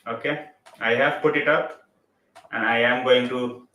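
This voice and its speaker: A man's voice: mid-range voice, steady tone, unhurried, bright, forceful tone, reverberant, poor audio. Chatty Indian-accented man on a live stream. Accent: Indian English. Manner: chatty, mixes Hindi into English, reads out and greets viewers by name. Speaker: football live-stream host. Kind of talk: casual live-stream chat.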